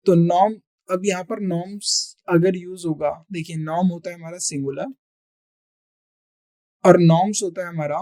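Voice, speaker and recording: A teacher giving an exam-prep grammar lesson, at a middling pitch. The voice keeps asking the class questions and answering them. English example sentences are read out slowly, word by word. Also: steady tone, warm tone. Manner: repeats key answers several times.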